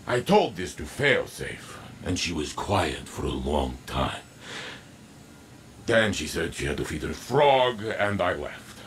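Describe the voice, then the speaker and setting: Saint-14, slow, deep earnest warrior. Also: male voice, sing-song, a bit bright, slight background noise, full character voice. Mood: solemn, grateful. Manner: halting, simple phrasing with emphatic pauses. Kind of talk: video game character dialogue. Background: music.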